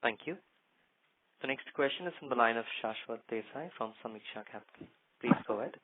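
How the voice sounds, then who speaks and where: A man's voice: medium pitch, brisk, dry recording. Man moderating a tinny conference call. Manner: formal, scripted announcements. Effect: phone-line audio of a conference call.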